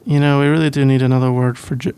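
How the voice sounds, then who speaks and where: This British-accented man has a clear, resonant, natural voice of medium pitch, delivered flatly. He's acting as a sleepy, shy, easygoing college-student boyfriend in an intimate ASMR roleplay, flustered yet amused, halting and hesitant as he rambles with soft laughs.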